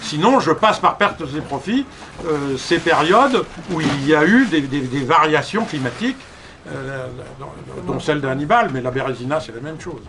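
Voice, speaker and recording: Older male conference lecturer, around seventy, fielding questions with halting, measured talk. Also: a little high, lively intonation, gravelly, background noise. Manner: halting, repeats words, measured. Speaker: conference speaker. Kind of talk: answering audience questions.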